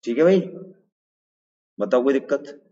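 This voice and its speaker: A man's voice: medium pitch, expressive, measured pace, dark tone. A man teaching a live online quiz lesson, explaining answers step by step and checking in with his viewers. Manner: greets viewers in chat and asks for answers. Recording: dull, lo-fi sound with long reverb.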